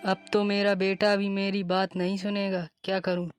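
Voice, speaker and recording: A woman's voice: mid-range voice, moderate pace, faint music behind, lightly acted. A woman voicing an anxious, pleading older mother-in-law in a cartoon. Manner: pleading, flat even delivery. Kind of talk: cartoon voice acting.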